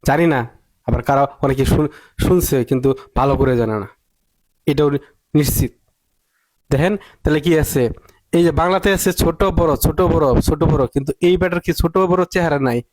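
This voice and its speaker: Male English tutor, higher-pitched, drills with rhetorical questions, dry close mic. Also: fairly quick, long pauses, darkish tone, dry recording. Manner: emphatic, repeats points and asks rhetorical questions. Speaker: English teacher. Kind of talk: spoken English lesson.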